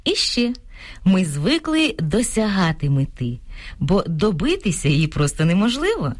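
Lively-voiced female radio co-host. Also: lowish voice, moderate pace. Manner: clear, explanatory, lively intonation. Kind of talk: scripted radio talk on language.

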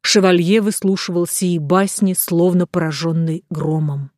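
A woman narrating an audiobook in a measured, steady reading. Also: fairly low pitch, no room sound, clean studio sound.

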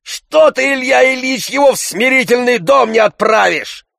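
A man voicing a coarse, blustering middle-aged freeloader who shouts his demands, recorded dry in an audiobook. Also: mid-range voice, sing-song, slow pace, no room sound, pitched above the performer's own voice, full character voice. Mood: bellowing.

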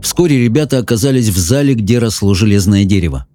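A man reading a children's fantasy audiobook in measured, even storytelling narration. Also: fairly low pitch, faint music behind. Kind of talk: scripted narration.

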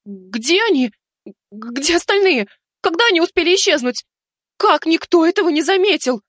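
Man doing a desperate young woman, very high, shrill, pleading, tearful, dry close sound. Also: lively intonation, normal speed, a bit bright, no room sound. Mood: panicked. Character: terrified young woman summoner.

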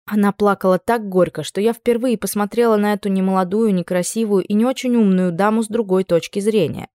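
A woman narrating a first-person fantasy audiobook in a lively, expressive reading. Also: mid-range voice, fairly quick, no room sound, studio quality.

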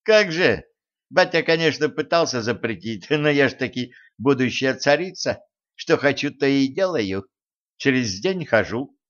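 A man's voice: mid-range voice, lively intonation, a little slow, fairly bright tone, dull audio, voice pushed up. A man reading an audiobook, voicing a haughty, spoiled young tsarevna who talks in a brash, mocking, folksy way. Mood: boastful.

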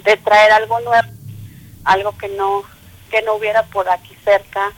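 A middle-aged woman from Mexico City, a small business owner, tells her story on a casual call-in interview, chatting with lots of fillers and laughter in a Mexican Spanish accent. She talks at normal speed in a medium-pitched, level voice, captured in a low-quality telephone recording.

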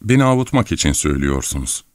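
A man's voice: a bass voice, very animated, fast, no room sound, clean studio sound. A man voicing a blunt, easily hurt young army officer in an audiobook reading. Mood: sulky. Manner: blunt, sulky. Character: gruff, touchy young army captain.

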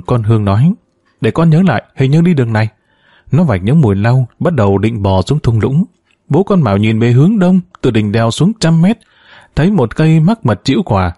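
A man narrating a story in a measured, expressive way. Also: medium pitch, no echo, clean studio sound.

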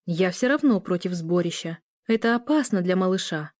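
A woman's voice: fairly low pitch, lively intonation, moderate pace, a little mellow, no echo, clean studio sound. A woman voicing a fussy, nagging middle-aged mother who keeps prying, as in a storybook reading. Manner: insistent, prying.

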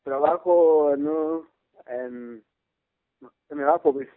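A man's voice: on the high side, takes it slowly, no room sound. A man in his twenties from Guatemala, answering interview questions hesitantly and searching for words. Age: 20s. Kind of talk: casual phone interview. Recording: tinny phone line.

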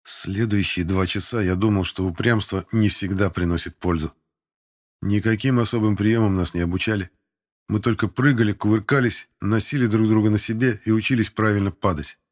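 A man's voice: fairly low pitch, fairly even intonation, fairly quick. A man reading a first-person novel aloud in a wry, conversational narrating manner. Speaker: audiobook reader.

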